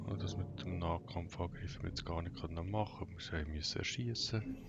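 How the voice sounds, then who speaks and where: A man giving casual gameplay commentary half to himself in a flat, unemotional monotone. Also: low voice, moderate pace, gravelly, heavy background noise. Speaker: gamer commenting on own play. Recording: dull lo-fi, game music behind.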